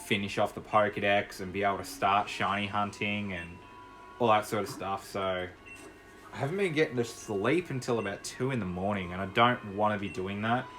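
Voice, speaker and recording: Slightly low in pitch and a bit bright, this young Australian man talks at a moderate pace. He's a gaming YouTuber giving laid-back commentary as he plays, wandering off topic and laughing readily over faint background music.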